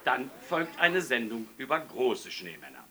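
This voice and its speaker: A man's voice: medium pitch, sing-song, measured pace, pushed and bright, a little hiss or hum, exaggerated voice. A man voicing a fat, cheerful male snowman presenting a children's TV show in a chatty announcer tone. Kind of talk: storybook reading.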